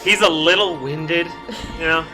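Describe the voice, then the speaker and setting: A man's voice: fairly high pitch, a little slow, music in the background, low-quality recording. A man acting as game master, casually improvising narration and rulings for a tabletop game. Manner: casual, conversational.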